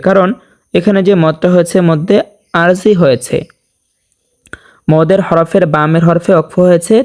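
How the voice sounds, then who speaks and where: Man teaching Quran recitation, bright high voice. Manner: explains rules briskly, then draws out verses in slow melodic chant. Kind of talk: tajweed lesson with slow chanted recitation.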